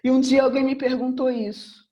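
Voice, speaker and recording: A woman's voice: high-pitched, little pitch movement, moderate pace, warm tone. A Brazilian woman from Rio in her fifties addresses a room as a mentor and therapist. Her talk is earnest and motivational, and she keeps coming back to the same rhetorical question. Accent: Brazilian Portuguese. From Rio de Janeiro, Brazil. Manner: earnest, returns again and again to one rhetorical question. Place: room before a live audience.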